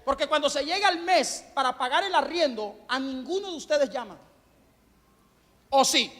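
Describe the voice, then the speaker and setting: High-voiced fervent preacher in a reverberant hall. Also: male voice, animated, moderate pace, a bit bright. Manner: fervent, questions the congregation and calls for amens. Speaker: pastor preaching to a congregation. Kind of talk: sermon. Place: church hall at a Sunday service. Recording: long church-hall reverb.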